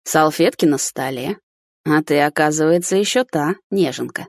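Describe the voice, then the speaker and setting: A sly older man, voiced by a woman reading an audiobook, drawls his lines slowly, teasing and unhurried. The voice sits low and a little husky. It is recorded dry and close. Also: dry recording. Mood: coaxing.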